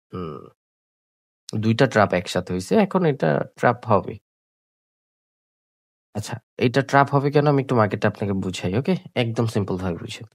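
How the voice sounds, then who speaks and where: A sick, coughing man, talking slowly through live trades on screen and repeating his points, mixing in English words. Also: medium pitch, no room sound. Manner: slow, repetitive explaining with English words mixed in. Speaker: trading tutor. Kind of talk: live trading screen commentary.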